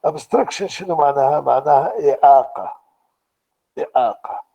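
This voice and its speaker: A man with an Iraqi Arabic accent giving a university lecture online, explaining slowly and deliberately and restating each point in two languages. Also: on the high side, creaky, mellow, low-quality recording.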